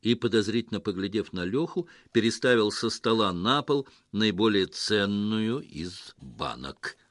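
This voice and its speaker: Deep-voiced male audiobook narrator. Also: animated, measured pace, a bit bright, dry recording, studio quality.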